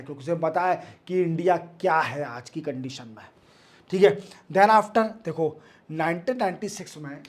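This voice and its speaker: Male current affairs tutor, slightly high voice, emphatic and checks in with the class often. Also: darkish tone. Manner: emphatic, checks understanding with repeated questions; mixes Hindi with English words and phrases. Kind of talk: exam-prep lecture.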